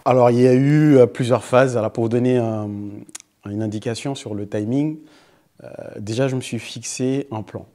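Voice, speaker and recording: A man's voice: medium pitch, moderate pace. A man in his forties from Senegal, a guest author answering interview questions, telling stories with many hesitations and restarts. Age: 40s. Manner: animated storyteller, frequent hesitations and restarts. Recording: echoey room.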